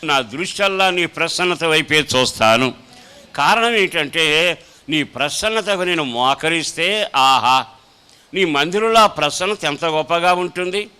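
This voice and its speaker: A man's voice: on the high side, lively intonation, a little slow, bright, forceful tone, smooth. A man, a pastor, preaching a sermon with emphatic repetition and rising conviction. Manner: echoes his own scripture reading line by line.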